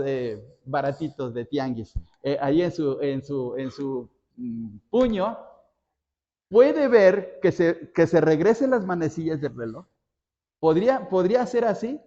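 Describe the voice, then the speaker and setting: Pastor preaching, high voice, swings loud then soft, kinda muffled lo-fi sound. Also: male voice. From Mexico. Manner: storytelling preacher, dramatic rises and drops in voice. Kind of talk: sermon.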